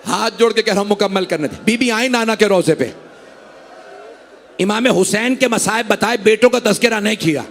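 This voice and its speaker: A man's voice: high voice, moderate pace. A male cleric delivering a Muharram mourning sermon in an imambargah hall, telling the story in a grief-laden, mourning tone.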